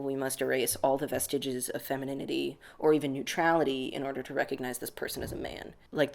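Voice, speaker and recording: In a fairly high, creaky voice, a young adult man from the US reflects casually on interview questions, with "like" cropping up often as filler.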